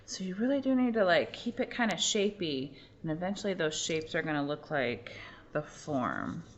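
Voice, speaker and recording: A woman's voice: low-pitched, big pitch swings, moderate pace. A young adult woman giving a casual drawing demonstration, explaining each step as she works, with many fillers. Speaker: art teacher. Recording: muffled lo-fi audio, faint room noise.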